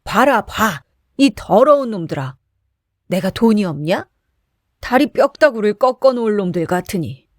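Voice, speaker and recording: A woman voicing a drunk, coarse middle-aged man who shouts boastful curses. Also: on the high side, very animated, measured pace, no echo, clean studio sound. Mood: drunken bluster.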